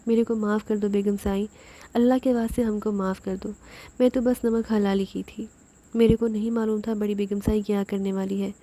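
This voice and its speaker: A woman's voice: mid-range voice, little pitch movement, warm tone, lightly acted. A woman voicing a weeping old servant woman. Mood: pleading. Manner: tearful begging.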